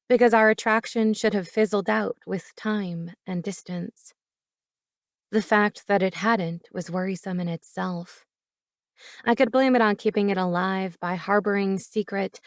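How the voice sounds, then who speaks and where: A woman giving first-person romance audiobook narration in an even, measured way. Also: medium pitch, dry recording, studio quality.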